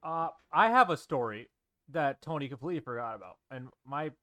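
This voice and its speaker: A man's voice: a little high, expressive, a little fast, a bit bright. A young man co-hosting a casual chat, telling a story with hesitant fillers. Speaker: podcast co-host.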